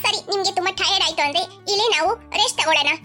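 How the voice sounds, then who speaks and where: A performer voicing a calm young woman guiding others through a forest in a cartoon, patient and reassuring. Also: very high voice, racing, exaggerated voice. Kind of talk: cartoon voice acting. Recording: music playing behind.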